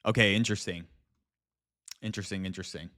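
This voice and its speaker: A man's voice: sits low, steady tone, quick pace, fairly bright tone. A man livestreaming in a casual chat with viewers, speaking informally with slang and some swearing. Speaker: live streamer and video creator.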